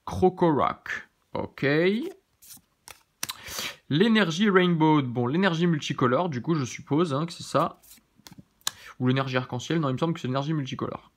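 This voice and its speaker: A man hosting his channel, giving casual, relaxed commentary as he opens trading cards, often thinking aloud and second-guessing names. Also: a little high, moderate pace, pauses often. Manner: relaxed, chatty, many fillers. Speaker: YouTube channel host. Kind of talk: casual card-opening commentary.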